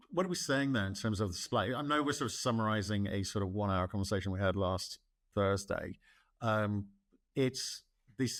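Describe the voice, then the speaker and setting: Gravelly, lowish man hosting an interview. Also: fairly bright tone, no room sound, clean studio sound. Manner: chatty, rambling questions with restarts. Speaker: interview host. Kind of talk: casual interview talk.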